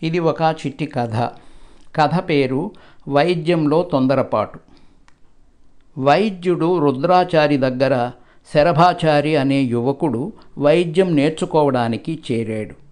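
A man reading folk tales aloud in a measured storybook narration, giving the characters' lines in his own voice. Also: on the high side, darkish tone.

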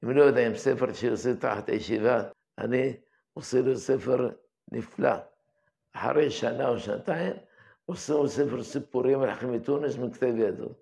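Older male yeshiva head, gravelly voice, reminiscing lesson. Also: medium pitch, a little mellow. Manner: unhurried, reminiscing, with restarts. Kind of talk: daily religious lesson, telling anecdotes.

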